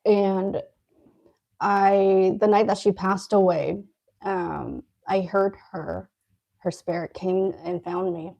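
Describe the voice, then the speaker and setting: A woman's voice: mid-range voice, steady tone, takes it slowly, creaky, warm tone, muffled recording. A woman co-hosting a casual live stream, telling a story while eating and laughing often. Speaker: co-host.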